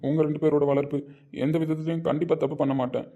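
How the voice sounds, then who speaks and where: A man playing a pleading young son, gravelly. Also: a little high, fairly even intonation, racing, lo-fi sound, lightly acted. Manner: pleading, earnest. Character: young husband pleading with his mother over his missing wife. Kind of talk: web series drama acting.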